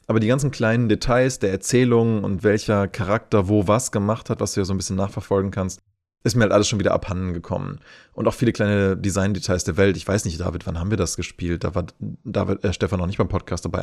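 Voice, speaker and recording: A man hosting a podcast, telling a story in a lively, relaxed, chatty way. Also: on the low side, fast, vocal fry. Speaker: podcast host. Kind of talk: casual podcast chat.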